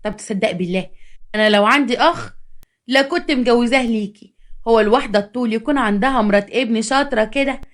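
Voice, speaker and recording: Brief: trusting, sweet Egyptian wife voiced by a female storyteller, quick and bright-pitched. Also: close to an everyday voice. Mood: chatty. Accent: Egyptian Arabic. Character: naive trusting young housewife.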